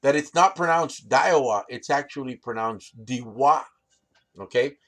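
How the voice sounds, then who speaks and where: A man's voice: mid-range voice, moderate pace, a bit bright. A man from the United States casually showing fishing rigs, rambling with fillers and restarts and often asking the viewer "right?". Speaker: fishing channel host. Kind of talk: casual gear demonstration.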